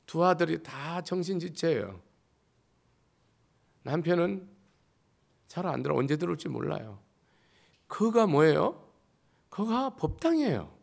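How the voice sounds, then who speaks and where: A Buddhist monk delivers a sermon in a slightly hoarse, somewhat high voice. He presses his points with rhetorical questions and sudden shifts between loud and quiet.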